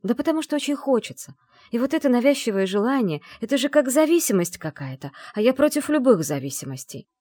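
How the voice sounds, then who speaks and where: A woman reading an audiobook, voicing a stubborn, sharp-tongued young woman who snaps back with defiant retorts. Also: fairly high pitch, big pitch swings, fast, dry recording, pitched above the performer's own voice.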